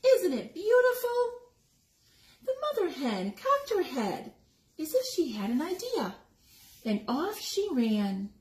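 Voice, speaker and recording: A woman reading a picture book aloud to young children, expressively, pausing to explain the pictures and ask questions. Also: high-pitched, very animated. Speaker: story time reader. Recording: echoey room with background noise.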